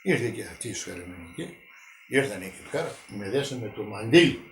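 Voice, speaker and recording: A man, telling his wartime memories in a halting, repetitive way during an oral history interview at home. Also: lowish voice, expressive. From Greece. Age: 90s. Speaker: witness interviewee. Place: village home indoors. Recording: echoey room with faint noise.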